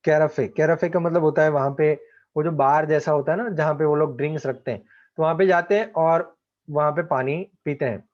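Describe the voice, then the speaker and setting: A man's voice: on the high side, fairly even intonation, moderate pace, a little mellow, lo-fi sound. A man teaching a class, explaining an English play in Hindi mixed with English terms.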